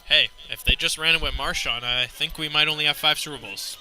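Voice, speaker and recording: A man's voice: on the high side, brisk, pushed and bright. A man giving conversational live football commentary as a co-commentator, with an informal, bantering, home-team manner. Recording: noisy outdoor ambience.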